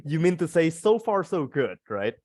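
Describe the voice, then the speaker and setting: He has a fairly high, very animated voice with a darkish tone and a moderate pace, recorded dry at studio quality. The Indonesian-accented teacher runs a casual, conversational live English class in two languages, repeating phrases and words while he encourages his learners.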